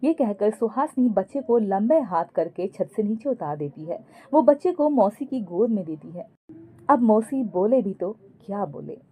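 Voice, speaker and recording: A woman narrating a moral story in a calm storytelling manner. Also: medium pitch, normal speed, husky.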